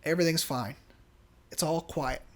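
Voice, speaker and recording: A podcast host casually telling a work story, animated and chatty, acting out the people in it. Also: mid-range voice, normal speed. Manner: chatty, many fillers and restarts.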